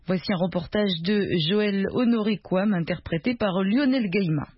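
A woman's voice: mid-range voice, slight background noise. Woman radio anchor reading the news. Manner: measured, formal reading with brief hesitations. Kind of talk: scripted news presenting. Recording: dry, slightly dull radio studio sound.

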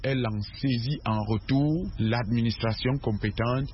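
A man's voice: mid-range voice, normal speed. A man, an anti-corruption official, explaining procedure in a formal, bureaucratic way. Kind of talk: interview clip. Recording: lo-fi field recording with faint noise.

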